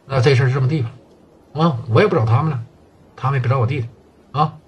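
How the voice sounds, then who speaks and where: A man's voice: mid-range voice, quick pace, husky, dull audio. A man with a Northeastern Mandarin accent voicing a defiant, cocky young male brawler who talks back. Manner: defiant, backtalking.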